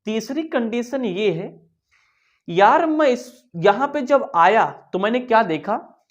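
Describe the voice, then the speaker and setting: A man's voice: very high voice, animated, takes it slowly, muffled recording. Chatty man teaching, asks and answers himself. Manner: chatty, keeps saying "yaar". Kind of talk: casual classroom explanation.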